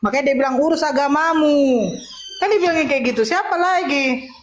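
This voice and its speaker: A woman's voice: high-pitched, fairly quick. A woman co-hosting a live stream on her phone, talking in a blunt, teasing, matter-of-fact way. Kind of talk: casual chat on a live stream. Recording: echoey room, slight noise.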